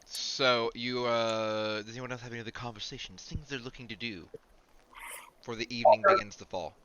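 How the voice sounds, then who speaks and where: A man acting as game master on a tabletop game stream. He talks in a relaxed, chatty way. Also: medium pitch, fairly quick, muffled recording.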